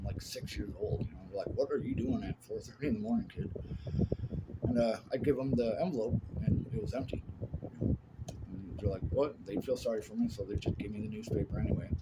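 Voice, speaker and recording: A man's voice: lowish voice, fast talker. A man telling stories from his life in a casual monologue. He talks bluntly, swears, and fills his speech with asides and fillers. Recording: loud steady background noise.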